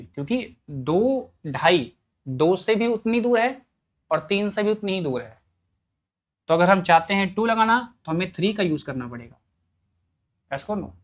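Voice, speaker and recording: A man teaching an English class, quizzing students with repeated questions and joking in a colloquial way. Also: high voice.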